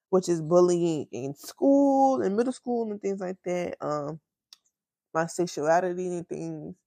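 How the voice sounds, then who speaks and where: Gravelly low-voiced young woman, emotional. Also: a little mellow, no room sound, studio quality. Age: 20s. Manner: candid, emotional, slangy, halting. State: close to tears. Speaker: podcast host. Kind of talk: personal casual chat.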